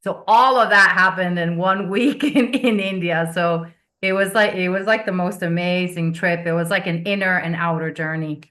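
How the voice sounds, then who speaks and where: Speaking at a moderate pace, this woman has a fairly low, fairly bright voice with a steady tone. Raised in Venezuela with Finnish as her native language, she works as a business coach and is chatting casually as a video call guest, often laughing and repeating words at the start.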